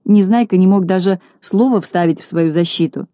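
A woman narrating a children's tale as an audiobook, in a steady storytelling way. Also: fairly low pitch, moderate pace, no room sound.

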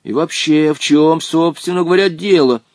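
A man's voice: fairly high pitch, normal speed, no echo, clean studio sound, voice pushed up, lightly acted. A man doing an indignant young boy. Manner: indignant, pleading.

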